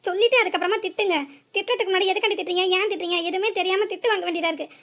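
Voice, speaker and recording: Cartoon: a voice actor as a groggy young man, southern Tamil Nadu accent, high-pitched and hurried. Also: fairly even intonation, crowd noise. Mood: bewildered. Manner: pleading, groggy complaints. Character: sleepy young man, bewildered and pleading. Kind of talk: cartoon voice acting.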